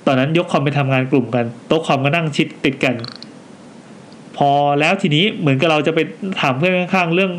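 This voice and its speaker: A man's voice: a little high, a little hiss or hum. A man co-hosting a casual podcast, reading listener ghost stories aloud with jokey asides. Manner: animated, quick reactions, jokey asides while reading.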